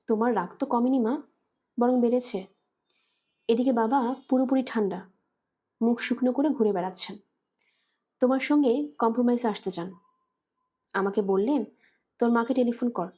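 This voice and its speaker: A woman's voice: fairly high pitch, normal speed, long pauses, warm tone, breathy edge. A woman voicing a young daughter who reasons patiently with her angry mother. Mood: pleading. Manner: patient, pleading.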